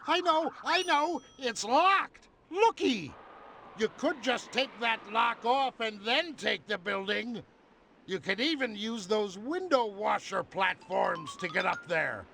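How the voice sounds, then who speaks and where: A man's voice: high-pitched, expressive, slow, gravelly, sharp tone, slight background noise, exaggerated voice. A man voicing a pompous, oblivious elderly cartoon superhero in a video game, declaiming grandly and dithering cheerfully. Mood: excited, helpful. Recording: music behind the voice.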